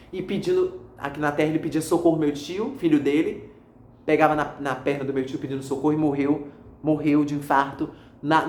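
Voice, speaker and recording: A man, a pastor giving a fervent, repetitive religious testimony and calling listeners his brothers. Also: a little high. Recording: echoey room.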